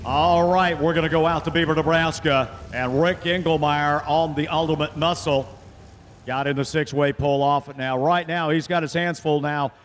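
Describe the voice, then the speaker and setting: A man's voice: on the high side, fairly even intonation, moderate pace. Guy announcing a tractor pull, folksy talk, big echoey pa, motors in the background. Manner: folksy, colloquial play-by-play. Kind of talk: live tractor pull commentary over a PA. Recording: echoing PA with engine noise.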